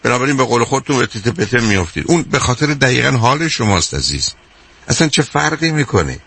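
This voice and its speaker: A man's voice: medium pitch, sing-song, creaky, a bit bright, slightly rough. An older man hosting a radio call-in advice show, talking emphatically and repeating his points, calling the caller dear.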